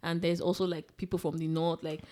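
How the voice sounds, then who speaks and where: Young nigerian woman chatting on a podcast, talks quick, lots of "like", rambling stories. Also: on the low side. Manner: rambling, animated storytelling with many "like"s. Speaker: podcast co-host. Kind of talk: casual chat.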